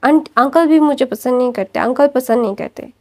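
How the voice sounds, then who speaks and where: A woman's voice: high voice, brisk. A woman voicing a stubborn, doubtful young man who keeps questioning, in a storybook telling. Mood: sulky.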